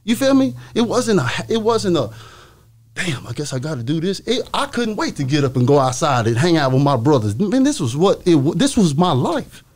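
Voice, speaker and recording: Insistent high-voiced man. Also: sing-song, normal speed, darkish tone. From Dallas, Texas. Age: 40s. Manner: insistent, talks over others. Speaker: guest. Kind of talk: heated podcast debate. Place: podcast studio. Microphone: studio mic on boom, headphones.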